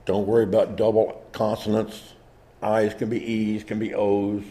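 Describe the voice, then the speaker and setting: He has a lowish, warm voice but a completely flat delivery at a moderate pace. Lecturing informally on genealogy and naming, he stays conversational and acts out little exchanges, with roomy echo and faint background noise in the recording.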